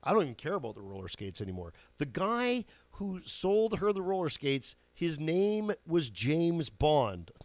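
A man's voice: a little high, sing-song, a little slow, hardly any pauses, no room sound. A man in his forties hosting a show, telling stories in a chatty, casual way, swearing now and then and laughing at his own jokes. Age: 40s. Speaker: radio show host. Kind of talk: casual storytelling monologue.

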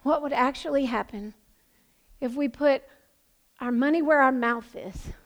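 A woman's voice: sits high, measured pace. A woman pastor preaching a sermon, passionate and building to emphatic proclamations.

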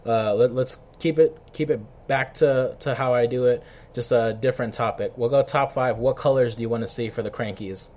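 A man's voice: medium pitch, normal speed, few pauses, darkish tone. A man hosting a casual podcast, chummy and slangy, swearing freely. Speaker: podcast host. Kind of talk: casual interview chat.

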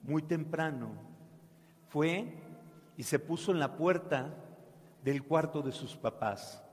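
A priest telling a saint's story to children in a church, asking them questions and having them answer back. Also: male voice, fairly high pitch, slow. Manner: animated, asks children questions, call and response. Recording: echoey church hall.

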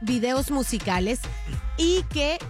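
High-pitched woman chatting celebrity gossip. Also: animated, slow pace. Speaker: radio entertainment gossip presenter. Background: faint music.

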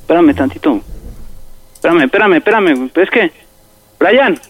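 A man's voice: a little high, animated, moderate pace, no room sound. A man with a Mexican accent acting as a prank accomplice, talking urgently with lots of slang.

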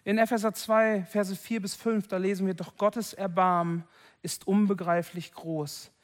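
A man preaching a sermon at a church service, impassioned and building to loud calls to his listeners. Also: sits high, flat delivery, unhurried.

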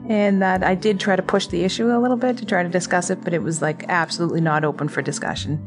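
Low-voiced woman with a Boston accent. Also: quick pace, music in the background. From South Boston. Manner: animated, laughing storyteller. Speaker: interviewee. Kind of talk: casual interview.

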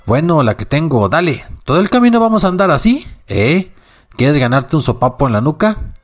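A man voicing a shrill, rude and impatient hunchbacked young man in a story reading. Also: big pitch swings, moderate pace.

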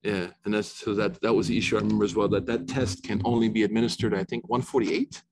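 With a lowish, darkish voice, a level tone, and a quick pace, a middle-aged man lectures informally on Islamic rulings. Arabic isn't his first language, and his conversational delivery is full of restarts and asides.

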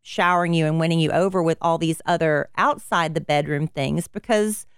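A woman's voice: low-pitched, steady tone, normal speed, clear, resonant tone, no room sound, studio quality. A middle-aged woman hosting an advice podcast, giving frank, blunt advice in a casual, folksy way.

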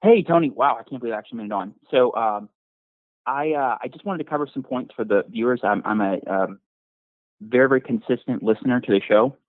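A man's voice: mid-range voice, no echo. Breathless male caller on a tinny phone line. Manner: halting, many fillers and restarts. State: out of breath after a run.

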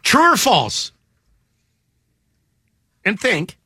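A man's voice: sits high, huge pitch swings, very slow, sharp tone, slightly rough, no room sound. A man hosting a casual panel chat, reading out statements and quizzing the panel playfully. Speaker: host.

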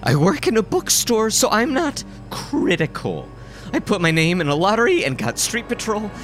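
A man's voice: sits high, very animated, normal speed, a bit bright, faint music behind, voice pushed up. A stammering, panicky little man. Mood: panicked. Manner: stammering, frantic whispering outbursts. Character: jittery, panicky small young man. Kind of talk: audiobook character voice.

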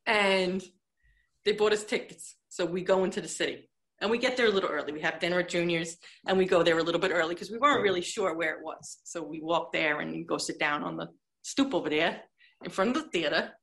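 A woman's voice: lowish voice, a little fast. A woman from Long Island telling a story in casual chat, acting out the dialogue as she goes. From Long Island, New York. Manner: lively storytelling, acts out quoted dialogue.

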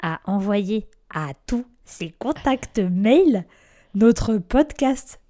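A woman's voice: medium pitch, lively intonation, drawn-out words, mellow. A young woman, chatting casually and teasingly as a podcast co-host. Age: young adult. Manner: playful, teasing. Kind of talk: casual chat.

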